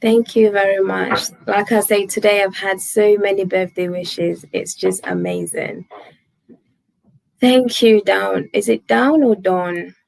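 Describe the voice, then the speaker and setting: A woman's voice: medium pitch, fairly even intonation, slow, gravelly, a little mellow, rough recording. A woman in her twenties, hosting a casual livestream, chatting with viewers, laughing often and thanking them by name. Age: 20s. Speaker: livestream host. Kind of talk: casual live chat reading viewer comments.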